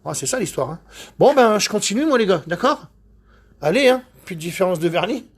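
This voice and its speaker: A man who details cars, chatting casually while he works, excitable, boastful and rambling, with a husky voice. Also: high-pitched, fairly quick. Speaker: car detailer. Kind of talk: casual chat while working.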